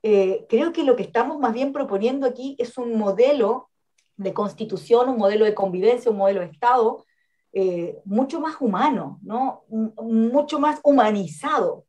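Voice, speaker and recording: A woman speaks as a radio interview guest, her voice sitting a bit high for a woman. She explains in a steady, earnest way, often tagging her points with short checking questions. It sounds like a plain studio microphone. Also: moderate pace. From Chile. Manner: earnest and explanatory, frequent "¿no?" and "¿cierto?" tags. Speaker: academic guest.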